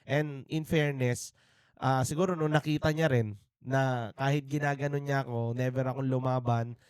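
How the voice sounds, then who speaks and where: A man's voice: mid-range voice, steady tone, moderate pace, clean tone, dry recording, clean studio sound. A Filipino man in his thirties, co-hosting a podcast and sharing a candid faith testimony in an earnest, reflective way. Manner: earnest, reflective, with frequent restarts and fillers. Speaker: podcast co-host. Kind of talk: candid faith testimony, mixing Tagalog and English. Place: indoor podcast studio.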